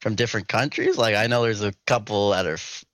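A man, a DJ guest, answering in a relaxed, brief way in casual chat. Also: on the low side, a little fast, dry recording. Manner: laid-back, brief answers, laughs often.

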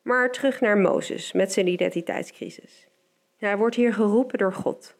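A woman giving a calm, measured Bible meditation, slowing down for emphasis. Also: medium pitch. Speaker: devotional speaker.

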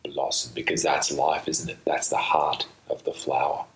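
A man with a deep voice talks to himself as a podcast host, thinking aloud in a loose and playful way. His phrasing is slangy and wandering. The sound is roomy, picked up by a laptop's built-in microphone rather than a proper studio one. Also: level tone, moderate pace. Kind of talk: rambling, playful solo monologue. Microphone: built-in laptop microphone, mistakenly used instead of studio microphone.

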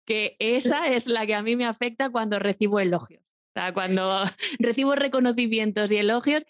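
A woman host with a fairly high voice, recorded with a dry, close sound. She guides the talk, laughs easily and speaks openly about how she feels. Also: normal speed, no room sound. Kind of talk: casual conversation.

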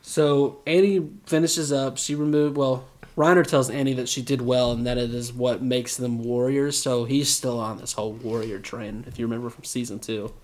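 A man's voice: medium pitch, normal speed, few pauses. Casual man recapping an anime episode. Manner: animated, joking asides. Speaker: podcast co-host.

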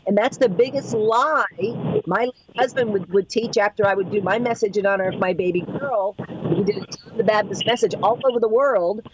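A woman talking as a call-in guest over a choppy connection that keeps breaking up, giving an urgent, preachy warning and often halting to repeat words. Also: medium pitch. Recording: lo-fi breaking-up call line with noise.

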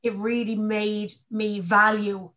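A woman's voice: mid-range voice, level tone, takes it slowly, bright, forceful tone. An Irish-accented woman hosting a casual chat, effusive and informal, often restarting her sentences as she goes. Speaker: podcast host.

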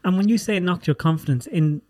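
A man's voice: high-pitched, quick pace, darkish tone. A man with an Irish accent hosting a podcast in a casual, colloquial interview style. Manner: informal, sweary, colloquial. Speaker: podcast host.

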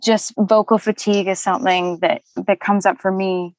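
A young woman, a voice actor, talking casually in an interview, chatty and animated with lots of fillers and laughter. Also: medium pitch, normal speed, no echo.

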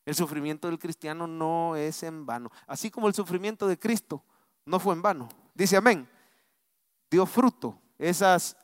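A man with a Salvadoran accent preaching a live sermon to his congregation, swinging from loud exhortation to soft, low asides. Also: clear, resonant tone, dry recording, clean studio sound. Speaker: pastor. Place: church sanctuary.

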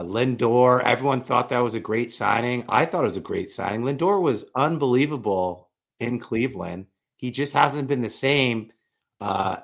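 A man's voice: mid-range voice, gravelly, a bit bright. Man bantering on a sports podcast. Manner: joking, teasing banter. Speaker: podcast co-host. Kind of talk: casual sports chat.

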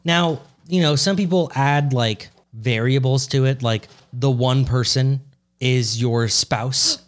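A man's voice: mid-range voice, slow pace. A man co-hosting a podcast in casual chat, swearing freely and teasing his co-host with mock outrage.

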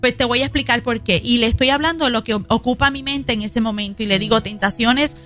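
Earnest woman pastor in her forties, crisp bright voice over faint music. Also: a little high, fast talker. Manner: earnest preaching tone, addresses audience directly.

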